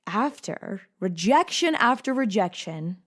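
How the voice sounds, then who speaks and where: Animated woman telling a personal story. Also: mid-range voice, unhurried. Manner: animated, acts out quoted dialogue. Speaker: podcast host.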